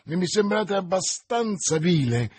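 A man's voice: high-pitched, animated, a little slow, a little mellow, husky, dry recording, pitched above the performer's own voice, exaggerated voice. A man playing Milady, a haughty fierce noblewoman. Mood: indignant. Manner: haughty, indignant outbursts. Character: scornful noble lady prisoner, proud, fierce.

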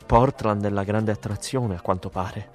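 A man voicing a weary, disappointed young woman in an audiobook, speaking soft and subdued. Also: lowish voice, fairly even intonation, normal speed, faint music behind, lightly acted. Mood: musing.

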